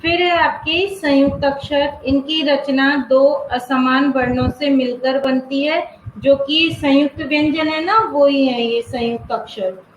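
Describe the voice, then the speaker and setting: A woman teacher giving an online grammar class to schoolchildren. She asks the class questions, answers them herself, and draws out example words slowly. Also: high-pitched, steady tone, a little hiss or hum. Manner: slow, drawn-out spelling of example words. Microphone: video call. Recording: roomy, muffled online class audio.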